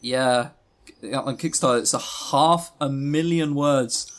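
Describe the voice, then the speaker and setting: This podcast co-host speaks at a medium pitch and an unhurried pace, chatting casually about visual novels as part of a review. They sound exasperated and emphatic and swear a lot.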